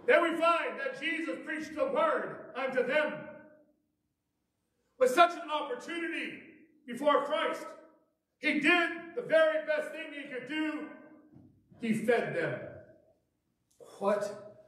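A middle-aged man preaching a revival sermon from a church pulpit, building to shouts and mixing in playful asides. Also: very high-pitched, animated, takes it slowly, pauses often. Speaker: pastor. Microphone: far camera at the back of the sanctuary. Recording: echoey church from far off.

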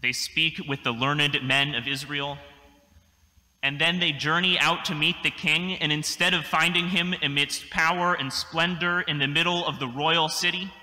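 A young adult man, a priest, gives a measured, thoughtful sermon from a church pulpit, with dry little asides. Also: fairly high pitch, fairly even intonation, pushed and bright. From United States. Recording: long church reverb.

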